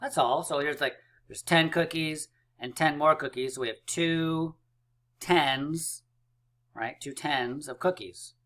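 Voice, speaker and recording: A man's voice: fairly high pitch, slow, fairly bright tone. A man teaching a math lesson to young children, upbeat and chatty with lots of fillers. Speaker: math coach.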